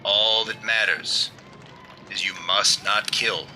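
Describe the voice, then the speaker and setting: An actor playing a commanding, mocking invisible avenger in 1930s radio drama style, stern, theatrical and deliberate. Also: male voice, lowish voice, steady tone, bright, forceful tone, a little hiss or hum, full character voice.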